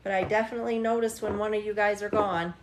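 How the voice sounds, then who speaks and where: On this livestream, a woman in her forties hosts tarot readings, sounding tired as she chats casually, teases viewers and laughs a lot. She speaks quickly in a steady mid-range voice, with roomy acoustics and a noisy background.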